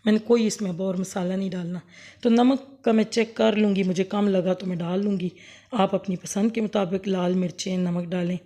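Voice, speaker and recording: A woman with a sore, hoarse throat giving a rambling, homely cooking demonstration for her vlog. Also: mid-range voice, fairly even intonation, normal speed, mellow. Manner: homely, rambling, self-correcting explanations. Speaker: cooking vlogger. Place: home kitchen, later outdoors under a fan.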